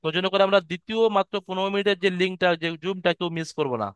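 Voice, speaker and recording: A man teaching an online lesson on Arabic letter pronunciation, patiently repeating each sound slowly. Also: sits high, fairly even intonation, clean tone, dry recording. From West Bengal, India. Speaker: Quran recitation teacher. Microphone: video call.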